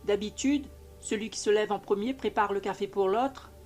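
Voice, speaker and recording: A man's voice: high voice, normal speed, a little mellow, soft background music, pitched above the performer's own voice, close to an everyday voice. A man voicing a young woman who is a breezy, teasing partner in an audiobook reading, with an offhand manner.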